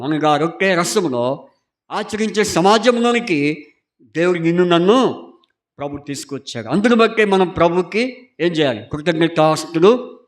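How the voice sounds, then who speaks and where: A male pastor preaching a Sunday sermon, reading scripture slowly and repeatedly asking the congregation questions, urging them to answer aloud. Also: a little high. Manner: reads scripture slowly and emphatically.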